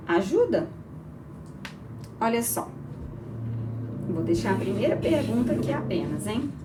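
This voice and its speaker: A woman teaching young children to read, her fairly high voice swooping up and down as she coaxes them along. She breaks words into syllables slowly and clearly. She sits a bit back from the mic, with a faint hum of room noise behind her. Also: recorded from a distance. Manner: lively and encouraging, spells out syllables slowly. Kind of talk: early literacy lesson for children.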